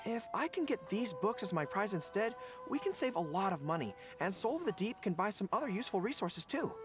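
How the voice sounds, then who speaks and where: Woman as an animated, boyish, earnest young soldier. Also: medium pitch, fairly quick, close to an everyday voice. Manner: hesitant, stammering when flustered. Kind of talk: scripted game dialogue. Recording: music behind the voice.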